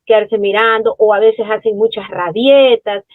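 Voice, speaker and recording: A woman's voice: medium pitch, steady tone, normal speed, no echo, phone-quality sound. A woman hosting an interview, asking questions in a conversational way with asides. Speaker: host.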